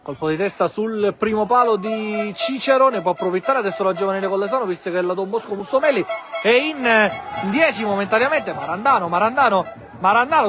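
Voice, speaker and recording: A man giving live, excitable football play-by-play, bursting into shouts on chances and goals. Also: sits high. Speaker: football match commentator. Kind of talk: live play-by-play goal commentary. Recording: crowd and music behind commentary.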